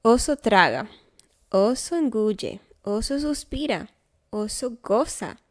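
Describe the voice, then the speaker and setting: A woman reading a children's story aloud in a slow, gentle, rhythmic way. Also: fairly high pitch, very animated. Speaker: storybook reader.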